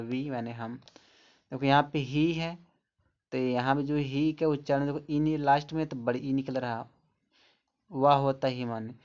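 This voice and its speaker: A man teaching English pronunciation in a spoken lesson, explaining slowly and repeating each word and its meaning. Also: mid-range voice, a little mellow, clean tone. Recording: dull lo-fi audio.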